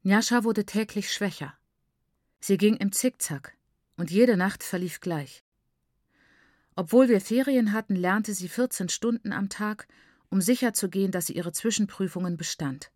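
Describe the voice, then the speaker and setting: A woman narrating a literary novel in the first person, in a measured, grave storytelling manner on a close mic. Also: medium pitch, a little mellow, no echo. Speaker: audiobook narrator.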